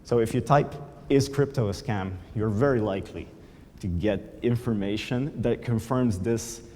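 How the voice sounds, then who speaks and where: In this clip, a male conference speaker of Slovenian origin explains things with many ums inside a large, echoing hall. The voice is mellow and fairly low, the pace moderate, and there's a little hiss or hum.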